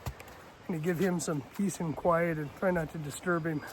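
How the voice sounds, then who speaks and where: Chatty high-voiced hiker outdoors. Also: male voice, fairly even intonation, moderate pace, slight background noise. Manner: chatty, self-deprecating, laughs often. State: out of breath. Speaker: hiking vlogger. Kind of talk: casual outdoor vlog narration. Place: snowy mountain trail outdoors. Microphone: handheld phone.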